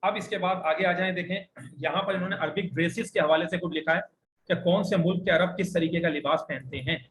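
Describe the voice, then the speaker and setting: A man with a Pakistani Urdu accent teaching an Arabic class, spelling words out slowly and having students repeat and correcting them. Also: sits high, fairly even intonation, fairly bright tone. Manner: drills pronunciation slowly word by word, corrects students. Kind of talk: classroom language lesson, streamed online. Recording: echoey classroom with faint background noise.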